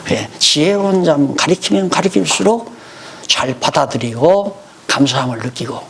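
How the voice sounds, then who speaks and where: A man's voice: on the high side, lively intonation, normal speed, creaky, fairly bright tone, slight background noise. A man teaching a Bible study lecture, explaining verses and then telling stories from his own life.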